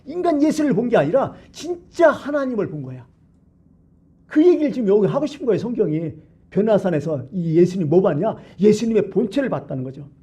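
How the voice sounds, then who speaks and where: A man pastor preaching a colloquial, lively sermon in a church, full of rhetorical questions to the congregation. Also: high-pitched, a little fast, slightly rough. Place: church sanctuary.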